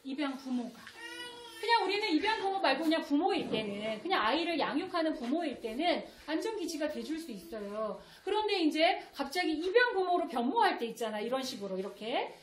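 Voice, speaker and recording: A woman's voice: high voice, big pitch swings, fairly quick, slight background noise. A woman giving a parenting lecture to adoptive parents. She acts out the lines of parents and children and laughs often. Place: lecture hall with audience. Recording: echoey hall with audience.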